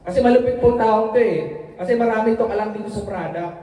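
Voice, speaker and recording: A man's voice: high-pitched, quick pace, warm tone, highs cut off. A man hosting an event who hypes up the next speaker and keeps asking the crowd to focus and listen. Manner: hyping, repeatedly asks the audience to listen. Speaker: host introducing a speaker. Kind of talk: event emcee addressing an audience. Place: large meeting hall. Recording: echoey hall, voice from far off.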